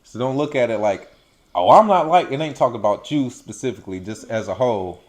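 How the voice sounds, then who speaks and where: A man's voice: on the low side, fast, darkish tone. A young man in his late twenties talks through advice in a loose, conversational way. He slips into quoted voices to act out everyday remarks as he makes his points. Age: 20s. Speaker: vlog co-host. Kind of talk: casual advice chat.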